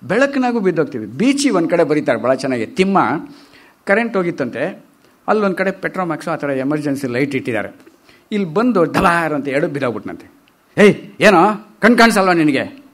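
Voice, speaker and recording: Animated man giving a literary talk. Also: a little high, fast talker. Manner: chatty and animated, asks the audience questions. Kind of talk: storytelling lecture on poetry and humor. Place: public lecture hall.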